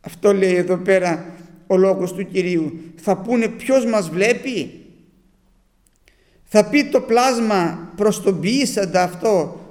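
A man's voice: high-pitched, a little mellow, big-room sound. A man preaching a sermon, quoting scripture emphatically and firing off rhetorical questions.

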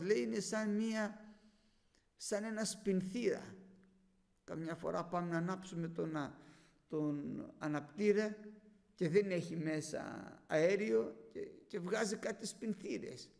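A man preaching a sermon, teaching sincerely and rising to loud cries when he quotes prayers. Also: high-pitched, gravelly, long reverb tail.

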